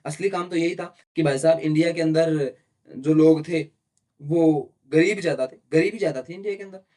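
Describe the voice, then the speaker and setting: A man teaching a class with a voice pitched a little high. He lays out terms and definitions patiently, one point at a time, and keeps checking in with his listeners through questions he then answers himself. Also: normal speed, warm tone. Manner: explains step by step, asks rhetorical questions and often adds "है ना?". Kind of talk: classroom lecture in Hindi mixed with English terms.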